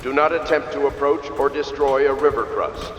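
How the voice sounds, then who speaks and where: Stern loudspeaker announcer. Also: male voice, medium pitch, fairly even intonation, moderate pace, recorded from a distance, dull audio, a little hiss or hum. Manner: formal, commanding official announcements. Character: stern male city announcer, official and cold. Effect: public loudspeaker broadcast, like a megaphone. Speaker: city public address announcer. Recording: echoey street loudspeaker with long reverb.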